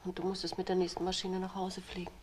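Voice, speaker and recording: A woman's voice: lowish voice, monotone, fast, a little mellow, slightly rough. An actress playing a young woman who is a married man's weary secret lover in a TV drama. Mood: wistful, hushed. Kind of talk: screen drama acting. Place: indoors, bedroom scene. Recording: faint noise, old TV soundtrack.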